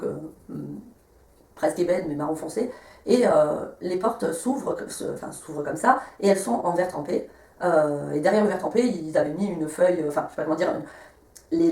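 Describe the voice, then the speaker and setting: A woman tells a personal story at a quick clip, rambling and stopping to restart her sentences. Her voice sits low and mellow. The room sounds echoey, and she is a little away from the mic. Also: recorded from a distance. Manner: rambling, many hesitations and restarts. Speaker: medium telling a personal story. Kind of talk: casual spoken storytelling. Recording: roomy echo, voice a bit off-mic.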